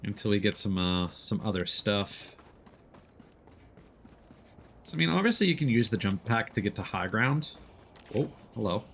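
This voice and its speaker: This man's voice is fairly low and a bit bright, with big swings in pitch, a moderate pace, and frequent pauses. Streaming a game, he thinks aloud hesitantly while he plays, and the game sounds come through clearly behind him.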